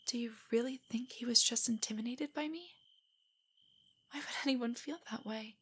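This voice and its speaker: Here a woman acts as a nerdy young girlfriend in an intimate audio drama, her voice fairly high, a bit bright and breathy, often nearly a whisper. She comes across as nervous, self-doubting and affectionate, stammering and hesitating at a moderate pace, with an insecure, subdued mood.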